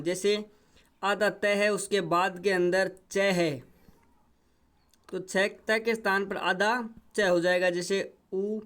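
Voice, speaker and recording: A man with a high, clear voice teaches a grammar lesson. He speaks slowly and works through each rule step by step, repeating every example. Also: a bit bright. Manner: repetitive step-by-step explaining.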